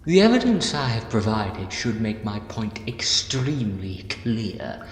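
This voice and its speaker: A man's voice: on the low side, big pitch swings, measured pace. A man playing a bitter, decayed villainous mastermind in a fan audio drama, grandiose, persuasive and menacing. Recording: echoey hall, clear music behind.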